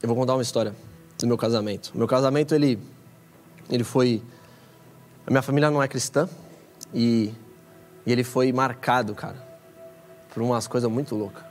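A young man from Brazil with a Brazilian Portuguese accent, preaching and telling a story in a casual, slangy way with excited rising bursts. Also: medium pitch, brisk, long pauses, faint music behind. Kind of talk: sermon storytelling. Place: church hall.

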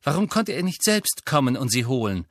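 A man's voice: medium pitch, big pitch swings, a little fast, a bit bright, no room sound, clean studio sound. A man voicing a defiant teenage boy wizard with tense, probing questions in an audiobook reading.

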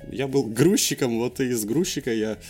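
A man's voice: mid-range voice, moderate pace, a little mellow, faint music behind. A young man, a TV journalist, answering as an interview guest in casual conversational storytelling. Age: young adult.

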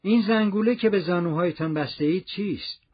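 A man's voice: high voice, husky. A man voicing a guarded, cautious middle-aged fugitive who asks terse questions, in a dull lo-fi recording.

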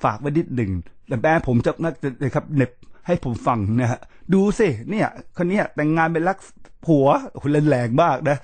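An earnest, emphatic man who talks straight to his listeners in a reflective monologue. His voice sits a little high for a man, and the sound is dry and close, with no room around it. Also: animated, fairly quick, a little mellow, no room sound. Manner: earnest, emphatic storyteller who often addresses the listeners directly. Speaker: podcast host.

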